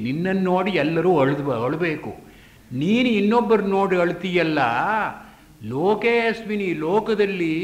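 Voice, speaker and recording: Slow, deliberate man lecturing and chanting verses. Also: fairly high pitch, echoey room. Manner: slow, deliberate delivery, chanting verses then explaining them. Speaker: scholar lecturing on the epic.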